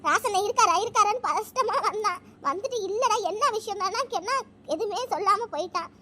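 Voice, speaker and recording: A performer voicing a scolding old village grandmother in a cartoon, nagging with sharp questions. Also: fairly quick, a little hiss or hum. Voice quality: very high-pitched, shrill. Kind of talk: cartoon voice acting.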